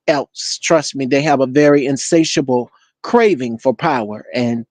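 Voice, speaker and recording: A man's voice: mid-range voice, darkish tone, no echo. A man speaking as a panel guest in casual political talk, encouraging and earnest.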